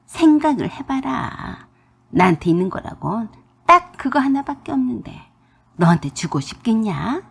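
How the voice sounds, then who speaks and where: A nagging older mother-in-law who drawls her scolding slowly, her voice swinging widely up and down, as a woman puts her on. The tone is husky and breathy, like a cranky elder in a radio drama. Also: fairly high pitch, sing-song, full character voice. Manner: nagging, bossy, slow drawl.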